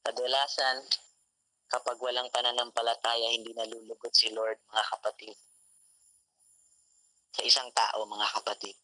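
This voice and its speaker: A man's voice: mid-range voice, little pitch movement, normal speed, long pauses, bright, forceful tone, no echo, rough recording. A man giving a Taglish sermon at an online devotion, often repeating "mga kapatid" to his listeners. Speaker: youth devotion speaker. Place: home, online meeting room. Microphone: call mic.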